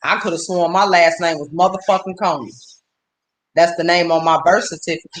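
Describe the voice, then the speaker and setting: A man with a high voice holds an angry livestream rant, swearing freely. He keeps breaking off to greet his viewers by name before going back to his complaint. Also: fairly even intonation, fairly quick, fairly bright tone, slight background noise. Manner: profane, heated, stops to greet viewers. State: upset.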